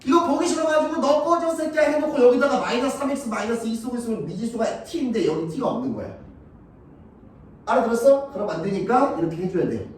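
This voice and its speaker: A male math teacher lectures with a lively, swooping voice, rough and full of crude words, always asking whether the students are following. He is recorded from far off in a very echoey classroom. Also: extremely high pitch, brisk. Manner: blunt, crude and profane, keeps checking if students follow.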